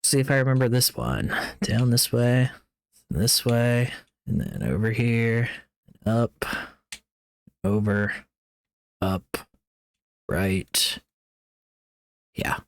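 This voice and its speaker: A man's voice: mid-range voice, big pitch swings, takes it slowly, vocal fry, pauses often. A man streaming a video game, giving casual commentary and reading in-game text aloud.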